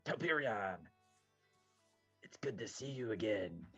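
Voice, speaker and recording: Guy doing a mad werewolf voice for a tabletop game, low n menacing, dull mic with music behind. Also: lively intonation, unhurried, husky. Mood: sinister greeting. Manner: menacing werewolf-like wolf voice, taunting. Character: mad glowing-eyed male wolf spirit, menacing, werewolf-like. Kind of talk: tabletop role-play character voice.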